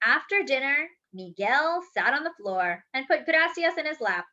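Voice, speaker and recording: A woman with a high voice reads a picture book aloud at a moderate pace, animated and expressive, acting out the dialogue and tossing in chatty asides like a children's storybook reader. The recording is dull and lo-fi.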